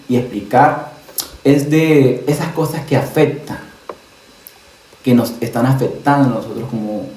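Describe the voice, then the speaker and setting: A young man hosts a relaxed podcast chat. He talks at a middle pitch, laughs easily and puts questions to his guests. The room around him rings with echo. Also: a little hiss or hum. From Venezuela. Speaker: podcast host. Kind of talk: casual chat. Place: Germany. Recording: roomy echo.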